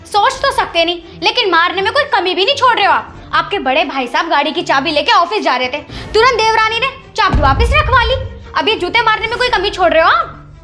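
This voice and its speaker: A woman plays a resentful elder sister-in-law in a family comedy skit. She speaks in a very high, bright voice and keeps up a stream of sarcastic taunts and complaints. Faint music sits behind her. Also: animated, fairly quick, exaggerated voice. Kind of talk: scripted family comedy scene.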